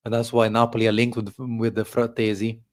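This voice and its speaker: A man's voice: medium pitch, completely flat delivery. Dejected man analysing football. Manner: dejected, measured analysis with frequent restarts. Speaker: football channel host. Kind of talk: casual match reaction chat.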